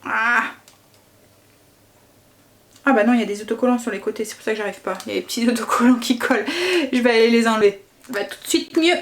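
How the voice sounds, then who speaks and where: A woman's voice: fairly high pitch, quick pace, pauses often. A woman vlogger and mother, chatting casually through a makeup tutorial, narrating each step with little interjections and often correcting herself mid-sentence. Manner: self-correcting, trails off and restarts often.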